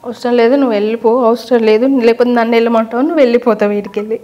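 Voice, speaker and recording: A woman who sounds hurt and accusing in a staged argument, often sinking to a hushed voice. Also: a little high, steady tone, very fast, lo-fi sound. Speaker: vlogger playing a prank.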